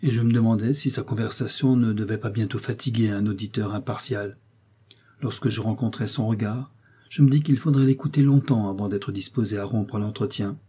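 Male narrator, classic novel audiobook, measured reading, warm dark tone, slightly breathy. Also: fairly low pitch, fairly even intonation. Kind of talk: scripted first-person novel narration.

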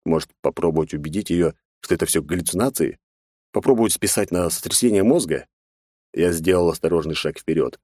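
A man reads a first-person audiobook in a very low voice, with a wry inner-monologue tone. The recording is dry and close, with no room sound. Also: brisk, dark tone, no room sound. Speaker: audiobook narrator.

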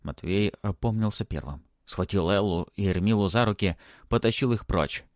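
A man reading a fantasy audiobook aloud in an expressive, dramatic way. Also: on the low side, moderate pace, dry recording, studio quality. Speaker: audiobook reader. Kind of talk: audiobook narration.

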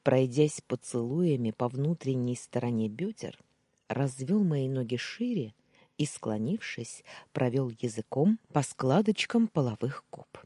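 A woman narrating a first-person audiobook in an expressive, melodic reading. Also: very deep voice, unhurried, breathy edge, dry recording.

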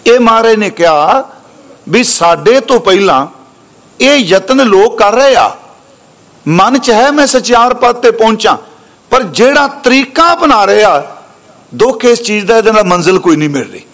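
A man delivers a scriptural exposition sermon in a fairly high voice. He draws out quoted verses slowly and deliberately, then shifts into brisk, conversational explanation. He addresses his listeners respectfully as he corrects how they pronounce the words. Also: lively intonation, fairly bright tone. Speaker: Sikh preacher.

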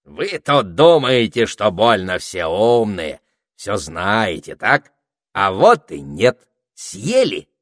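A man's voice: on the low side, big pitch swings, normal speed, no echo, clean studio sound, voice pushed up. A man voicing a boastful, sneaky male toad spy who whines and wheedles. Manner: whiny, wheedling, cocky.

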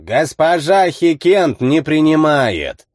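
A man's voice: on the high side, slow, no room sound, clean studio sound, pitched above the performer's own voice. Man playing a droning, stubborn door guard. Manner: monotone, flat. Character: stubborn male palace guard.

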